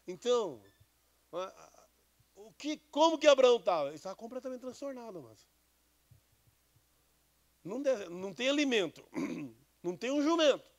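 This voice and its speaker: A man's voice: very high-pitched, big pitch swings, normal speed, pauses often. A man, a bishop giving a conversational sermon with Bible readings and questions to the congregation. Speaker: bishop preaching.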